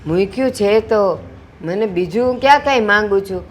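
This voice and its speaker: A woman's voice: medium pitch, normal speed, slight background noise, natural voice. An actress as a frail old mother begging for tea. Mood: pleading. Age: older. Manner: pleading, plaintive. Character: frail elderly mother pleading for sweet tea. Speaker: mother-in-law.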